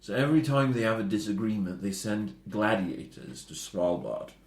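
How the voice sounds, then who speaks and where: A man's voice: lowish voice, moderate pace, gravelly, reverberant. A man from northern Norway co-hosting a podcast, joking and swearing often and laughing as he talks. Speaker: podcast co-host. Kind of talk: casual podcast banter.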